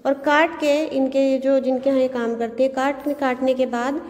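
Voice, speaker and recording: A woman's voice: sits high, level tone, normal speed, darkish tone, muffled recording. A woman teacher reading a textbook story to students and stopping to explain difficult words. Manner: explanatory, glosses hard words. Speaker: school teacher. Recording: long reverb, faint background noise.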